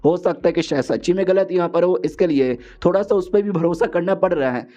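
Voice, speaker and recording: A man's voice: high voice, fairly quick, dark tone. A man narrating a story recap in a casual, slangy, rambling way, leaning heavily on filler words, on a dull, lo-fi voiceover recording.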